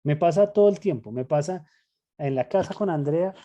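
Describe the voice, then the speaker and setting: A man with a mellow, slightly raised voice talks through a lesson to a small group. He is thoughtful and self-critical, circling back over his words as he thinks aloud. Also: fairly high pitch, animated, normal speed. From Latin America. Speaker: Bible study leader. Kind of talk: casual reflective teaching.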